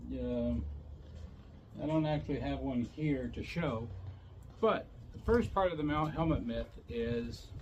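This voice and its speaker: A man's voice: mid-range voice, slight background noise, poor audio. An older man hosting a casual explainer, talking in an informal, matter-of-fact way. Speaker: host of a motorcycle safety series.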